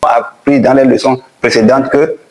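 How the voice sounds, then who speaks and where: A man teaching a spoken language lesson, patiently repeating each point and sounding out letters slowly. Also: medium pitch, steady tone, a little mellow, poor audio.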